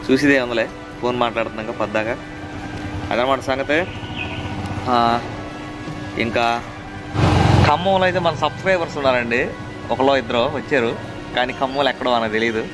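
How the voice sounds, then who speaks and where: A vlogger chats casually with his viewers in a travel vlog, laughing a lot and returning again and again to the same stock phrases. His voice is medium-pitched and slightly quick, with long pauses, and music plays behind him.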